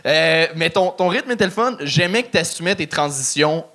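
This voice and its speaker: Bright man giving critique. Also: a little high, animated, normal speed. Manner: hesitant, many fillers while giving feedback. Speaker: comedy show judge.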